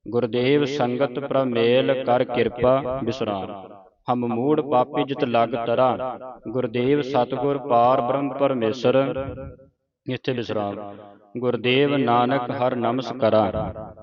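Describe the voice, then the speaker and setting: A man leads a recitation lesson. He explains pronunciation quickly, then recites each verse slowly and carefully. The audio is dull and lo-fi, and people murmur in the background. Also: mid-range voice, steady tone, crowd noise. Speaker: scripture recitation teacher. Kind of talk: teaching correct recitation, line by line.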